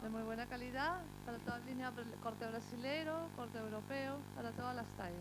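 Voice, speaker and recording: A woman's voice: on the high side, steady tone, a little fast, soft background music. A woman from Peru with a Peruvian accent, a swimwear shop worker who answers cheerfully and laughs easily into an interviewer's handheld mic.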